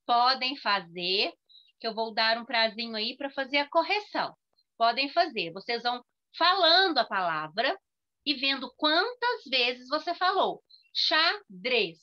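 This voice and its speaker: A woman's voice: on the high side, bright, forceful tone. A woman, teaching young children in an online class. She patiently stretches each word out syllable by syllable. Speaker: primary school teacher. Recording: dull, lo-fi video call audio.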